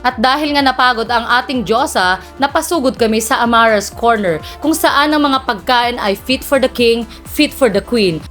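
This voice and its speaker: A woman's voice: fairly high pitch, a bit bright. A woman, chatty and teasing, narrating a vlog about her daughter. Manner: chatty and teasing, laughs at her own jokes. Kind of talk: playful voice-over narration.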